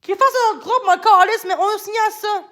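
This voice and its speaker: A woman with a Québécois accent rants to her livestream viewers in a very high, piercing voice. She swears constantly and breaks into shouts, speaking into a phone. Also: brisk. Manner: ranting, heavy swearing, frequent shouting. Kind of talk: angry livestream rant.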